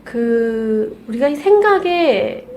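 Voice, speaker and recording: A woman co-hosting a parenting radio talk, explaining ideas calmly and thoughtfully with pauses. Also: a little high, a little hiss or hum. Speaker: conversation expert co-host.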